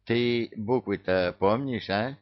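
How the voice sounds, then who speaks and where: A man's voice: on the low side, takes it slowly, lo-fi sound. A man voicing an irritable male devil who runs hell like an office, hissing and barking orders, in an audiobook. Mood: grumbling, bossy. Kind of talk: audiobook character voice.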